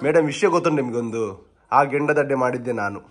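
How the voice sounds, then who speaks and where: A young man, teasing his family with rapid questions in a playful vlog chat. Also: mid-range voice, a crowd in the background. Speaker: vlogger interviewing family members.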